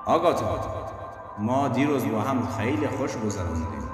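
A man's voice: mid-range voice, very animated, recorded from a distance, close to an everyday voice. A man doing a sweet-talking scheming girl. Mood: coaxing. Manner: coaxing, honeyed tone. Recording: echoey long reverb with music.

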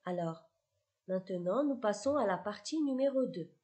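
A woman teaching a primary school phonics lesson, speaking slowly, clearly articulating each word twice and praising the children often. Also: medium pitch, animated, mellow. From Morocco.

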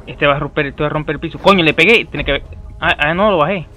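A young man, commentating his gameplay loudly, swearing and shouting at the game. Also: fairly high pitch, fast talker, soft background music. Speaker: gameplay streamer.

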